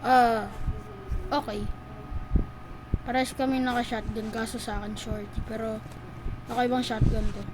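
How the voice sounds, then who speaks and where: A woman with a Filipino accent giving live commentary on her gameplay, excitable, bursting into repeated exclamations and mixing in English banter. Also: a little high, normal speed, pauses often, background noise. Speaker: gamer streamer.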